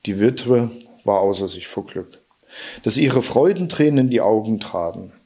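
A man narrating a fairy tale aloud in a lively, expressive storybook reading. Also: on the low side, moderate pace, husky.

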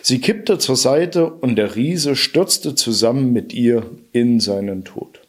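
Husky man reading a fairy tale. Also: mid-range voice, slow. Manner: lively expressive narration. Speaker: narrator. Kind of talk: storybook reading.

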